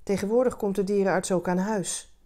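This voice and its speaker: A woman voicing a cautious, gentle female bartender who speaks softly and carefully. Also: mid-range voice, fairly even intonation, a little fast, close to an everyday voice. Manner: soft, careful.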